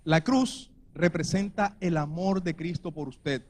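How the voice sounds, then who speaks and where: Colombian male preacher, high voice, earnest sermon, rises to emphatic urging. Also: measured pace, a little mellow. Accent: Colombian Spanish. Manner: earnest, building to emphatic exhortation.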